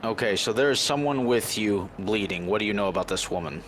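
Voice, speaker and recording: A man doing a curt, gravelly phone voice. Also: lowish voice, animated, fairly quick, a bit bright, slight background noise. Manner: terse, commanding.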